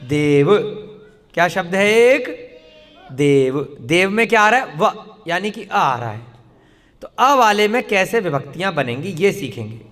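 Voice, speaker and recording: A man's voice: high voice, big pitch swings, a little slow, a bit bright. A man teaching a classroom lesson, quizzing his students with repeated questions and answering them himself. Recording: long hall reverb.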